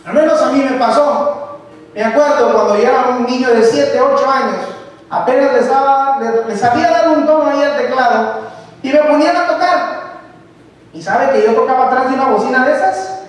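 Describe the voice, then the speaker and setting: A lay preacher with a very high, fairly quick voice gives a conversational sermon in a church sanctuary, including personal testimony. He often asks the congregation direct rhetorical questions. The mic is distant and the hall is reverberant.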